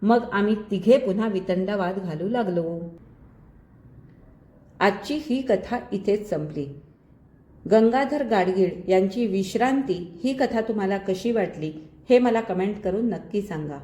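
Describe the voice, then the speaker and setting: A woman storyteller giving a steady, expressive scripted story reading. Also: mid-range voice, a little slow. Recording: roomy echo.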